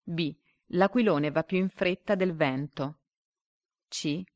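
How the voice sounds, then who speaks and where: Low-voiced woman reading a lesson aloud. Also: no echo, clean studio sound. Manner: slow and deliberate when reading quiz options. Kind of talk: reading a story and a comprehension quiz aloud.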